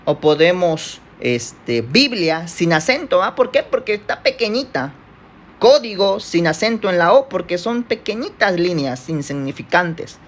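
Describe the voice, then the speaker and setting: A man's voice: high-pitched, big pitch swings, a little slow. Mexican man teaching a Bible lesson. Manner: conversational, checks in with listeners, self-correcting. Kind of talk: church Bible lesson with slides.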